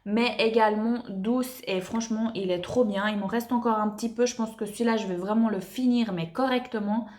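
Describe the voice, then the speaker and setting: A woman's voice: fairly high pitch, steady tone, fairly quick, hardly any pauses, darkish tone. A young woman reviewing beauty products in a chatty, enthusiastic way with lots of fillers. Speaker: beauty vlogger.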